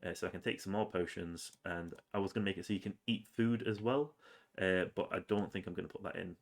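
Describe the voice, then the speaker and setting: Here a man narrates his game's progress over footage, speaking quickly in a low register. He's a developer fighting a cold, sniffling as he goes, and his easygoing commentary wanders with plenty of ums and uhs.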